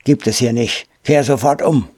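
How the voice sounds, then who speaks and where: A man voicing a hoarse, bossy male monkey chief in war paint who barks orders in a storybook reading. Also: on the low side, slow pace, mellow, exaggerated voice. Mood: commanding. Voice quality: hoarse, hissing. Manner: barking commands.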